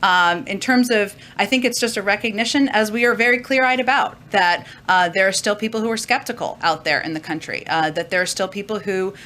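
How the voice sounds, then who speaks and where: A woman press secretary answering reporters' questions in a measured way, with frequent filler pauses. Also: medium pitch, sharp tone. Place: briefing room.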